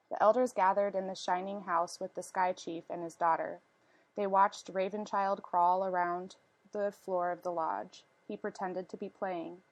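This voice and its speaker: A woman reading a storybook aloud as narration, with expressive, deliberate phrasing and questions to her listeners. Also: medium pitch, dry recording, low-quality recording. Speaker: storyteller reading a picture book.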